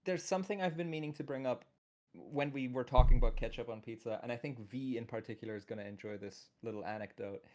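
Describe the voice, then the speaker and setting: A stream guest telling an anecdote in casual chat, animated and playful. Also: medium pitch, fast. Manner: animated storyteller.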